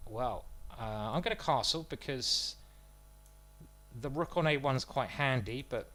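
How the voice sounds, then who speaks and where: Unhurried, a man talks through his live chess game, considering moves aloud and joking at his own expense in between. His voice is an ordinary male middle pitch, and his delivery is loose and chatty, not polished.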